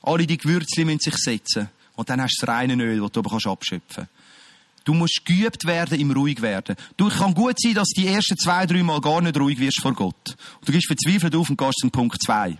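High-voiced emphatic preacher. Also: male voice, lively intonation, brisk, dry recording. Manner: emphatic, swings from shouting to quiet. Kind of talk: sermon.

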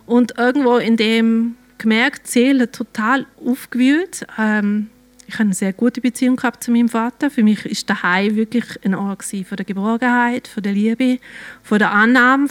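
A woman with a Swiss German accent sharing a personal faith testimony in church, emotional and halting, sometimes dropping to near-whispers. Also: a little high, steady tone. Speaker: church member giving testimony.

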